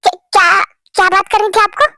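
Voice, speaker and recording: A woman's voice: very high voice, a little fast, bright, forceful tone, no echo, studio quality. A woman doing a shy stammering young employee. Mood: flustered. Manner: stammering, flustered. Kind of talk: Hindi fan-story voice acting.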